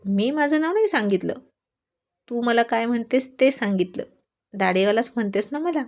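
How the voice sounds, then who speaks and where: A woman voicing a gruff young man who answers curtly and with dry sarcasm. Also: on the high side, animated, moderate pace, close to an everyday voice. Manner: curt and dry, mildly sarcastic.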